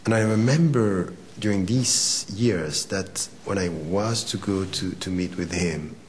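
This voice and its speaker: This interviewee is a Swiss man in his forties with Arabic as his first language, speaking at a measured pace in a low-pitched voice. He answers with thought and hesitation, often repeating himself, over slight background noise.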